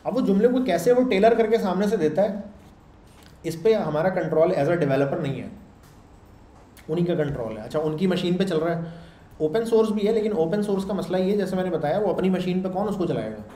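A man's voice: high-pitched, fairly quick, dark tone. A male programming instructor giving a casual, conversational lecture and mixing English technical phrases into his talk. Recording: echoey room with faint background noise.

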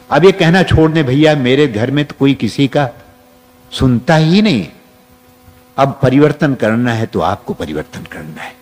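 A man giving a spiritual discourse to an audience, leading guided affirmations and repeating phrases. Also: mid-range voice. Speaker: spiritual teacher. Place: large hall with an audience. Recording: long reverb from a hall.

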